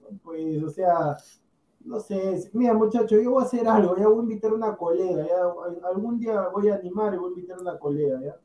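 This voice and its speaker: Brief: man, high mellow voice, ranting sports host, heard distant and dull in a roomy space. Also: a little fast. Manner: animated, repeats himself, rants. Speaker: sports talk show host. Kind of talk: casual sports chat.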